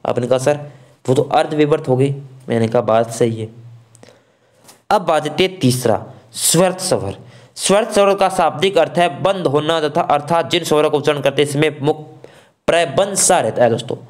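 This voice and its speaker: A man's voice: a little high, moderate pace. A man teaching an online exam-prep grammar class from Rajasthan, talking casually to students as friends and sounding out vowel examples.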